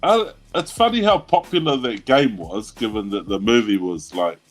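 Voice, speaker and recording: A young New Zealand man co-hosting a laid-back livestream. His voice swings up and down lively as he rambles through stories, laughing often. Faint music plays underneath. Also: mid-range voice, moderate pace. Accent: New Zealand English. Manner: rambling storyteller, laughs a lot. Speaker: livestream co-host. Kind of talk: casual group chat.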